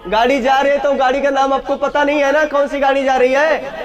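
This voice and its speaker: A man's voice: extremely high pitch, little pitch movement, a little fast, muffled recording, music in the background, a crowd in the background. A man teaching English grammar in a classroom, drilling phrases aloud and checking whether the students follow. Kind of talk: classroom lesson.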